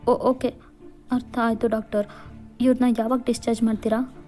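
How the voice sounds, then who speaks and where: A flustered young college girl stammers, pleads and apologizes, played by a woman reader. Her voice runs high and mellow, and faint music sits behind this storybook voice-over. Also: level tone, normal speed, lightly acted.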